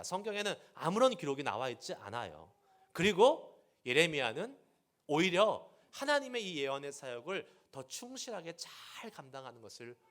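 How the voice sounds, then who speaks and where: Male pastor, sermon, bright tone, very lively intonation, dramatic quoted speech. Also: on the high side. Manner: dynamic preaching, voicing God's words in dramatic quotes.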